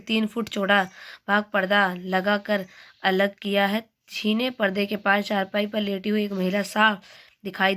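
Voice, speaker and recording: Female schoolteacher, unhurried textbook reading, monotone. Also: mid-range voice. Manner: slow, even, plain reading. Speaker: teacher. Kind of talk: reading a textbook play aloud to a class.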